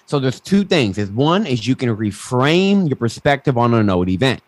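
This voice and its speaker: A man's voice: medium pitch, very animated, moderate pace, no room sound. A man with a lisp who says w for r, explaining ideas emphatically as a coach and interview guest. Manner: emphatic, mild swearing, acts out quotes. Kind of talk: animated explanatory interview talk. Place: indoors, online video call.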